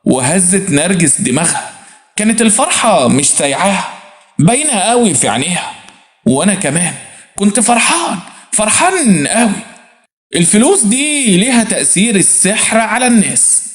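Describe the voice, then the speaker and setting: A man with an Egyptian accent narrating a dramatic story in the first person, in an expressive, vivid colloquial way. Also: sits high, moderate pace. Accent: Egyptian Arabic. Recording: roomy echo.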